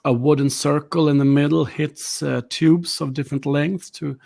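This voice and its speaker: A man's voice: a little high, fairly even intonation, moderate pace, vocal fry, a little mellow. A man with Swedish as his first language narrating a tabletop horror game as game master, rambling and searching for words.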